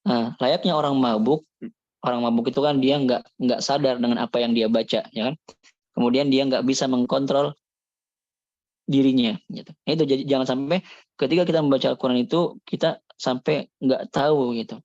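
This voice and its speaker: A man giving a religious lesson on Quran recitation, calmly explaining and slowly demonstrating Arabic sounds. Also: mid-range voice, dry recording, lo-fi sound.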